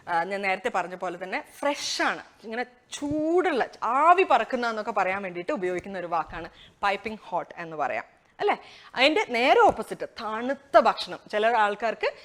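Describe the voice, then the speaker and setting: Lively Malayali woman teaching English words. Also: fairly high pitch. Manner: chatty, lively, laughs while explaining; slows down to model English words and sentences. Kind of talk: casual spoken English lesson.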